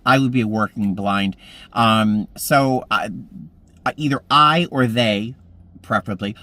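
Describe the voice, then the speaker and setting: A man's voice: on the low side, slow, bright, forceful tone, no echo. A man in his mid-fifties chatting casually to camera from a parked car, telling meandering stories. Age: 50s. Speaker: vlogger. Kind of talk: casual vlog chat.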